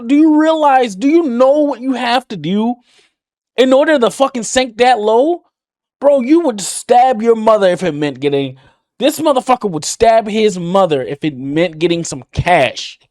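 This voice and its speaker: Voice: mid-range voice, animated, measured pace, no room sound, clean studio sound. A reaction video host ranting angrily with heavy profanity while commenting on a clip. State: livid.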